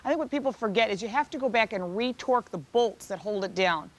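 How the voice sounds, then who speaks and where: A woman host speaks quickly at a medium pitch. She gives explanatory advice in the manner of a car call-in show. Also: expressive.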